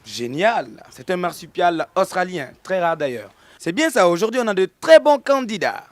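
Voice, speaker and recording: A man's voice: high voice, very animated, normal speed, dry recording. An actor playing a male village radio quiz host who announces questions and keeps bursting into laughter, with a Burkinabè French accent. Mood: announcing.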